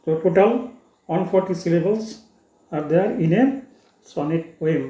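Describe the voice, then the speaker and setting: A male teacher, giving a lesson in a slow, deliberate way and switching between two languages. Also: fairly high pitch, mellow, roomy sound. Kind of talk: lecture explaining a lesson.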